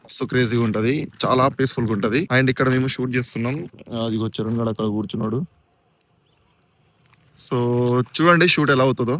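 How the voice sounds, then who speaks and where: A man's voice: medium pitch, quick pace, long pauses, a bit bright. A young man, chatting casually to camera as a vlogger and teasing his friend as he directs him. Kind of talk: casual vlog chat.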